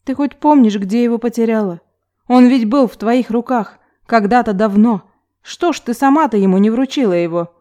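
A woman's voice: a little high, moderate pace, mellow, natural voice. A woman voicing a grown woman who harshly scolds her younger self in an audiobook. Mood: angry. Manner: harsh, reproachful lecturing. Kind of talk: audiobook character reading.

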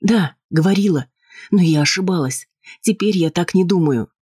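A man lifting his voice to play a nervous, insistent wife, pitched well above his usual register, husky and sharp-edged. She pleads and snaps defensively, in a dry, close recording of an audiobook. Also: moderate pace, no echo. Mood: agitated. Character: anxious, insistent wife, adult woman.

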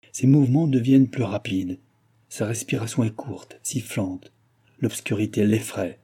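A man reads a literary story aloud, dramatizing it with swelling pitch and sudden loud moments. His voice is dark, a little low and husky. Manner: dramatic, expressive reading with big swings in pitch and loudness. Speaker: narrator. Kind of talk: audiobook narration.

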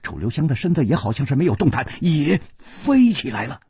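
A man's voice: medium pitch, very animated, fairly quick, mellow, husky, no room sound, studio quality. A male storyteller giving a theatrical narration of a wuxia audiobook. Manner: theatrical, with sweeping rises and falls.

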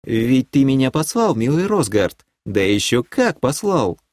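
A man voicing a haughty, scheming noblewoman who leads a clan in an audiobook; he raises his voice to play her, and she talks in a sweetly condescending way that turns sharp. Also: medium pitch, big pitch swings, measured pace, no room sound, clean studio sound, pitched above the performer's own voice. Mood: sweetly reproachful. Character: haughty scheming female baroness, clan leader.

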